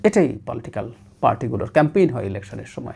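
A male political commentator from Bangladesh, speaking alone on his own show. His pitch swings widely as he stresses his points, and he drifts between languages mid-sentence in an emphatic, analytical way. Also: very animated, quick pace, gravelly, mellow, husky. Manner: emphatic, often slips English phrases into his talk.

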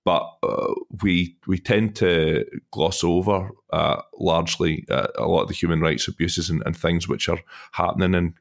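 Deep-voiced hesitant British podcast host. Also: male voice, gravelly. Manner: hesitant, many repeated words. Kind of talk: conversational interview.

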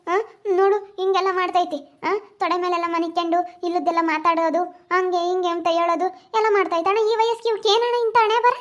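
A woman playing a sharp-tongued village mother with a rural Chitradurga Kannada accent, scolding in a rapid, shrill way. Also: steady tone. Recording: muffled lo-fi recording.

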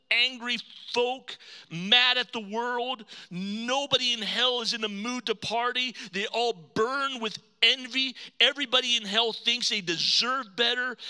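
A man preaching a sermon as pastor, dramatic, swinging between loud emphasis and hushed low lines. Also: clear, resonant tone.

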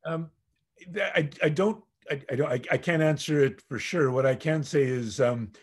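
Husky-voiced man, halting panelist. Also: fairly high pitch. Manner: halting, self-correcting restarts. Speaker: physician panelist. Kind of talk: answering questions on a webinar.

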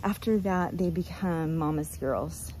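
An older woman chatting casually outdoors on her farm, talking gently and rambling as she loses her train of thought. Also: sits low, unhurried, a little hiss or hum, rough recording. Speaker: goat rancher. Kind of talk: casual farm vlog chat.

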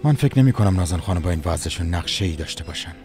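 A measured, polite lawyer explains a court matter in a very deep voice. Music plays clearly under the dialogue. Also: male voice, lively intonation. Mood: calm. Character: calm lawyer advising his employer. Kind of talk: Persian dub of a TV series.

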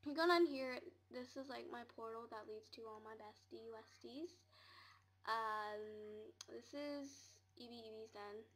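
A woman with a slightly high voice talks through a tour of her game home. She mumbles and rambles, filling the gaps with ums and little giggles. She is recorded in a small room. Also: a little slow, a bit bright.

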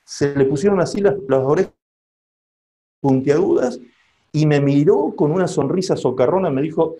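A man, a pastor telling a story to a seminar audience as part of a sermon. He talks in an animated way and asks the listeners questions. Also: on the high side, moderate pace, slight background noise.

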